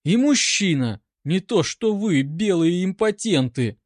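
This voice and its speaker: A man putting on a shrill defiant young woman soldier. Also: expressive, a little slow, no room sound, studio quality. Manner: shrill, indignant shouting. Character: defiant young female Red Army gunner.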